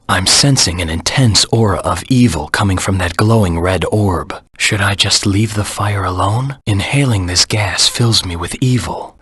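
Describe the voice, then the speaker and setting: A man voicing a brooding, gruff hedgehog antihero in a video game, with a gravelly voice and a terse, serious, analytical manner. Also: fairly low pitch, fairly bright tone, no echo, exaggerated voice. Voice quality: gravelly, husky. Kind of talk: scripted video game voice lines.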